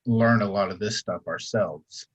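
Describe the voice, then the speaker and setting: A man's voice: on the low side, unhurried, slightly rough, low-quality recording. A man with a Southern US accent talking in a casual panel discussion, hesitant and full of fillers and restarts.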